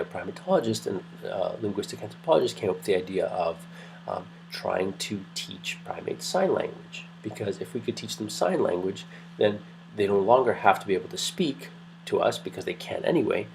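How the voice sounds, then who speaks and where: Male lecturer, deep and gravelly, talking in a low, chatty way over faint noise. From Greece heritage. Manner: rambling, conversational, many fillers and restarts; kept quiet, late at night. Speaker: anthropology lecturer. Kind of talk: recorded online lecture. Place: home at night.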